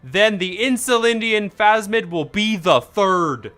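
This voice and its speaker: A man puts on a fervent male cryptozoologist from a video game, stubborn and emphatic. His delivery is fairly high and sharply forceful, declaiming each point. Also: expressive, slow, full character voice. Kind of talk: game dialogue read aloud.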